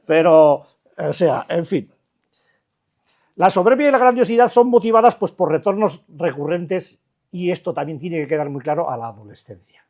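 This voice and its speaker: Addressing a recovery group informally, this older Basque addiction counselor talks bluntly and colloquially, restarting often and tossing out rhetorical questions. He has a Basque Country Spanish accent and a slightly high, somewhat mellow voice at a normal speed.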